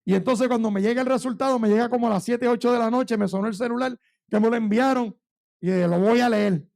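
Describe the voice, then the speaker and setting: A man's voice: very high voice, fast, creaky, a little mellow. A male pastor preaching a sermon in a church, fervently telling a personal story and calling listeners brother.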